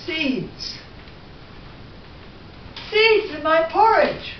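An older woman, a home vlogger, chats casually in her home kitchen, walking through each step of making breakfast and humming along. Her voice is very high-pitched and lively, and she speaks very slowly. Filmed by a camera on a tripod far away, the audio is echoey, dull, and noisy.

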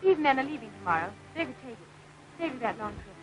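A woman's voice: sits high, expressive, quick pace, rough recording. An actress playing a caring young frontier woman who pleads with him anxiously. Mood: pleading. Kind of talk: 1960s television drama acting.

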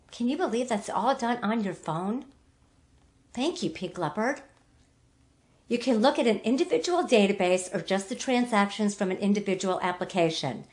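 A woman giving a bubbly, enthusiastic scripted product demo of a phone app. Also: fairly high pitch. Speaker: product presenter.

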